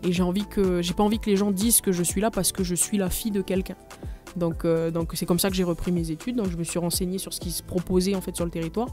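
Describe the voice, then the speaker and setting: A woman's voice: on the low side, steady tone, fast, mellow, faint music behind. A woman, a company manager explaining her path earnestly in a radio studio interview. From New Caledonia. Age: 20s.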